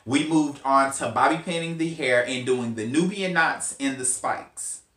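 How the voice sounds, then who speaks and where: A male hair stylist vlogger chats casually through a hair tutorial, rambling and tossing in playful asides. His voice is medium-pitched and a bit bright, with a measured pace. The recording sounds roomy, with a faint hum.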